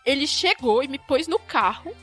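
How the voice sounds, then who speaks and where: A Brazilian woman telling a personal story in casual chat, acting out the quoted lines with lively energy. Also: high voice, moderate pace, faint music behind. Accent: Brazilian Portuguese. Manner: animated, acts out quoted dialogue. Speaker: storyteller guest.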